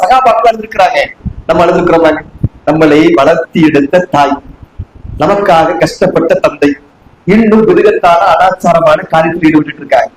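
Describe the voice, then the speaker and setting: A man from Tamil Nadu preaching a sermon to a congregation, asking them rhetorical questions again and again. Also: on the high side. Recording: echoey room with faint background noise.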